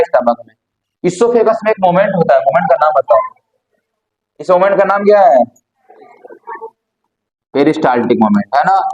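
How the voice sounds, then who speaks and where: A man's voice: sits high, darkish tone, rough recording. A man teaches a class. His lecture is chatty and informal. He keeps throwing questions at the students and answering them himself. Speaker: biology teacher.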